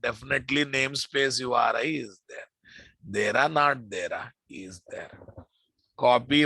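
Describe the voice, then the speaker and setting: A man with an Indian accent teaches a live programming class in a forceful, bright voice. His delivery is slow and deliberate, and he often repeats phrases for his students. The sound is close and dry. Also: medium pitch, no room sound. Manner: repeats phrases, addresses listeners familiarly. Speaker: programming instructor. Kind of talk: informal live classroom lecture.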